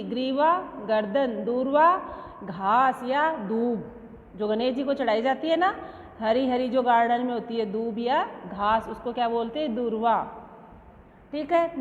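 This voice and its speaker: Woman teacher, high voice, patient, quizzing and answering herself, dull lo-fi sound, long reverb. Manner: patient, asks questions and answers them herself. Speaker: school teacher. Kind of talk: online class lesson.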